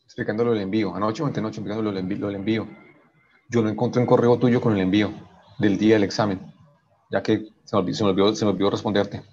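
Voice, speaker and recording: A man's voice: lowish voice, steady tone, fast talker, darkish tone, highs cut off, a little hiss or hum. A man teaching an engineering class online, working through equations step by step and checking in with "right?" after each step, often restarting his sentences. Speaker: engineering professor.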